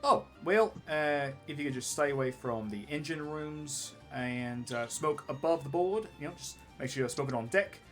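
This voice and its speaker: A man's voice: mid-range voice, moderate pace, hardly any pauses. A man narrating a tabletop role-playing game as game master in a casual, conversational, improvised way. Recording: faint music behind the voice.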